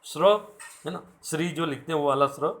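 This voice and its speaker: A man's voice: a little high, steady tone, fairly quick, a bit bright. A man teaching a class, patiently spelling out sounds and asking his students questions. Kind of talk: classroom lecture.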